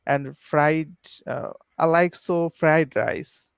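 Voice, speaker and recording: Young guy from bangladesh on a headset video call, gravelly voice, keeps stopping and restarting, dry sound. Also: on the high side, no room sound. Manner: halting, many fillers and restarts. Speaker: English learner. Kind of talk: online English practice lesson. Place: small room at home, video call.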